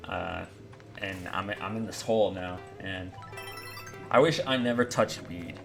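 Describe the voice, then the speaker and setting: A man's voice: low voice, a little slow, vocal fry, over music. A young man from Canada in a confessional monologue, rambling and profane, with many fillers and restarts. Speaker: vlogger.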